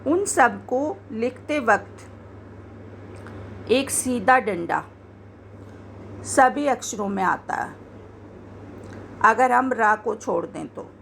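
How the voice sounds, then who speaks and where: A woman teaching Hindi spelling, slowly and patiently saying each example word again to show how it sounds. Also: fairly high pitch, animated, vocal fry, a bit bright, a little hiss or hum. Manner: slow, patient, repeats words to show pronunciation. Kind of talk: explaining grammar to learners.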